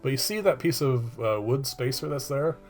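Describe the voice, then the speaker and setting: A middle-aged man presenting a casual woodworking voice-over in a monotone, droning, rambling and hesitant way. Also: mid-range voice, normal speed, soft background music. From Canada.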